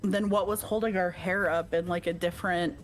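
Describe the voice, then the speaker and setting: Speaking a little fast in a lowish, steady voice, a woman reads a visual novel aloud for her stream. Between evenly read lines, she stops to joke around and laugh with her co-player.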